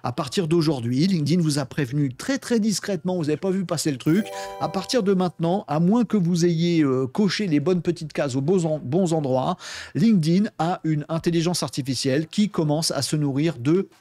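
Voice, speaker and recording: A man hosting a tech news video, giving casual, opinionated commentary full of fillers and animated asides. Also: on the high side, moderate pace, dry recording, soft background music. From France.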